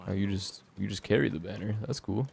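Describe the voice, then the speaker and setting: A man's voice: on the low side, quick pace, vocal fry, darkish tone, a little hiss or hum. A man with an American West Coast accent giving casual, unscripted gameplay commentary, thinking aloud in a hesitant, rambling way. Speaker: gaming host doing a playthrough.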